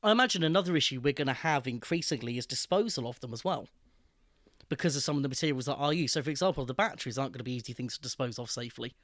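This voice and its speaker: A man co-hosting a podcast, voicing firm opinions on technology with deliberate emphasis. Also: mid-range voice, fairly bright tone, no echo, studio quality. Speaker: podcast co-host. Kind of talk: casual tech chat.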